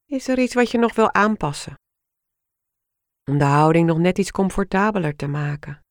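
Calm woman guiding relaxation, close dry sound. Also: lowish voice, dry recording. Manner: calm, soothing, unhurried short instructions. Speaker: guided relaxation instructor. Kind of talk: guided relaxation meditation.

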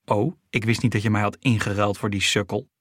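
A man's voice: fairly low pitch, fairly even intonation, a little fast, fairly bright tone, dry recording, clean studio sound. A man doing a sneering schoolboy bully. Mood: taunting. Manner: sneering, mocking. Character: taunting schoolboy bully with braces.

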